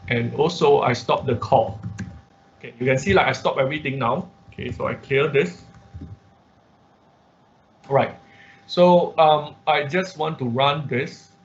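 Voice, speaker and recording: A medium-pitched male voice with vocal fry and a faint hiss or hum walks through an informal screen-share tutorial as an online class instructor. He explains step by step, checking in often with short tags like "okay" and "right." The audio is dull and lo-fi, typical of an online class.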